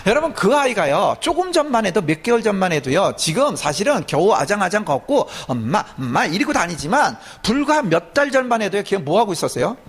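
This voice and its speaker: A man's voice: sits high, sing-song, fairly quick, hardly any pauses, husky. A man preaching a sermon as a pastor, often asking his congregation questions and then answering them himself.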